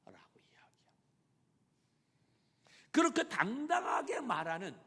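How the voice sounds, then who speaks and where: A male pastor preaching a sermon dramatically, swinging between loud emphasis and whispers. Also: high-pitched, long reverb tail.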